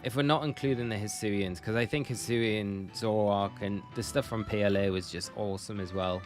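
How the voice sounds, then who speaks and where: A man's voice: fairly low pitch, steady tone, normal speed, soft background music. A young man from Northumberland, chatting casually and rambling with viewers on a live stream. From Northumberland, England. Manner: chatty, rambling, self-correcting.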